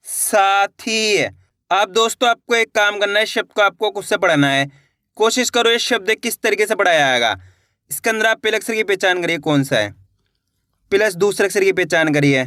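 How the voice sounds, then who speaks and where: A man teaching Hindi reading, who says each word slowly and repeats it, then gives quick instructions to viewers. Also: sits high, bright, forceful tone, no echo, clean studio sound. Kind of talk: slow word-by-word reading lesson.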